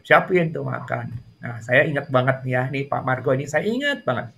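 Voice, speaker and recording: A middle-aged man telling a story in a casual interview. He talks in a chatty way with many fillers and jumps up in pitch when a story gets lively. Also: brisk, gravelly, a little hiss or hum. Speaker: interview guest.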